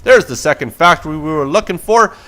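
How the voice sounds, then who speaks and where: A man's voice: a little high, expressive, brisk, fairly bright tone, slight background noise. A man casting a video game replay with play-by-play commentary, casual and joking. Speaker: game caster.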